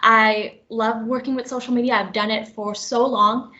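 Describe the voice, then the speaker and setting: A young woman from Sri Lanka talks her coworkers through a presentation in a friendly, chatty way, with plenty of ums. Her fairly high voice keeps cutting in and out on a poor connection. The call audio is dull and lo-fi. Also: steady tone, moderate pace, sharp tone. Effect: voice cutting in and out over a bad connection. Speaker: presenter at a company brown-bag talk. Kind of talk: casual presentation. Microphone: video call.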